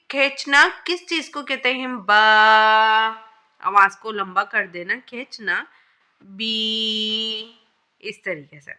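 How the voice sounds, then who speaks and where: A woman teaching a Quran reading lesson, explaining rules clearly and then spelling out syllables slowly, one by one. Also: fairly high pitch, pushed and bright. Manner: slow, drawn-out letter-by-letter recitation.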